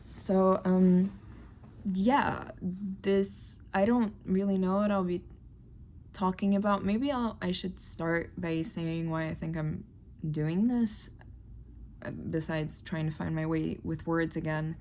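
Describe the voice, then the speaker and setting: A woman's voice: on the low side, fairly even intonation, takes it slowly, a little mellow, a little hiss or hum. A young woman from Brazil, a Portuguese speaker, talking in a rambling, hesitant diary vlog full of fillers. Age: young adult. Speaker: vlogger.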